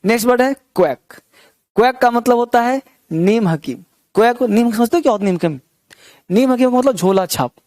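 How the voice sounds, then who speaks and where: High-voiced Indian man teaching vocabulary. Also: lively intonation, a little fast, a little mellow, no room sound. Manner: repeats words with rhymes and memory tricks, asks the class questions. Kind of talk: vocabulary lesson.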